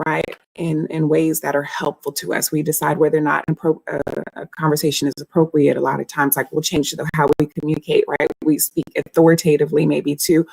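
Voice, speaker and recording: A woman's voice: low voice, gravelly, a little mellow, no echo, poor audio. A woman hosting a live stream, explaining things casually and conversationally as if thinking aloud.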